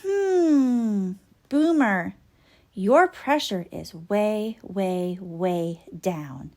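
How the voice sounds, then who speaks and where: A woman acts out a caring little girl toy doctor from a children's storybook. She is slow and clear in explaining, reassuring and matter-of-fact, with a lively lilt. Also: medium pitch.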